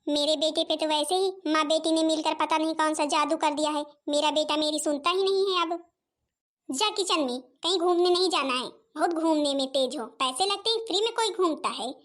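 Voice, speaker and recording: A woman's voice: high-pitched, brisk, a bit bright. A woman voicing a stern, stingy middle-aged mother-in-law in a cartoon, scolding harshly. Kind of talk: cartoon voice acting.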